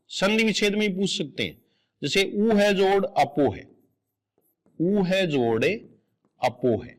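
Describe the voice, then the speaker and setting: A man with a high voice gives a grammar lesson for exam students. He explains patiently, step by step. He repeats each correct spelling aloud so it sticks. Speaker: exam coaching teacher. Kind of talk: explanatory lecture.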